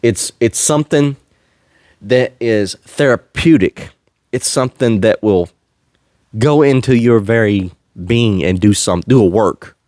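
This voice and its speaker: A man's voice: medium pitch, unhurried, a little mellow, no room sound, studio quality. A man hosting a faith-based podcast, talking in an earnest, slightly preachy way and chuckling often. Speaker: podcast host. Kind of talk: faith-based casual chat.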